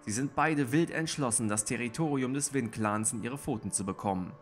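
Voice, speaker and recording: A man's voice: medium pitch, fairly quick, soft background music, close to an everyday voice. A man voicing an earnest, determined young tomcat warrior in a storybook reading.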